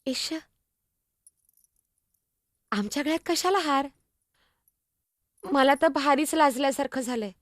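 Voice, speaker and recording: A woman's voice: extremely high pitch, unhurried, pauses often, fairly bright tone, no echo, clean studio sound. [name], a woman playing a chirpy young girl. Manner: chatty, teasing, innocent, exclamatory. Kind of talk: solo stage monologue.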